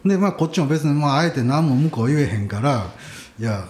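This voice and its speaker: A man's voice: a little high, fast. A man with a Kansai accent telling a casual story in a podcast chat, acting out the people he quotes. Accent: Kansai Japanese. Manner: relaxed anecdote telling, acts out quoted voices. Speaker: podcast co-host.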